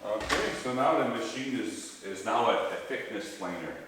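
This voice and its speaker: A man's voice: lowish voice, lively intonation, normal speed, heavy reverb, in a large hall, recorded from a distance, very noisy. A man hosting a woodworking demo in his shop, explaining in a plain, stop-start way, recorded as old camcorder audio. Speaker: woodworking host. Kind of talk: casual how-to demo.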